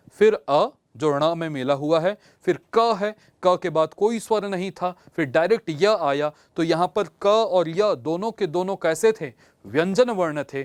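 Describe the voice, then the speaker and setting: A man's voice: high-pitched, dry recording. A male teacher giving a classroom lesson, patient and repetitive, spelling things out step by step.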